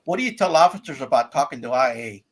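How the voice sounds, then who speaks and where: A man hosting a podcast, asking casual questions with many pauses and filler words. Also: mid-range voice, lively intonation. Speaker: podcast host.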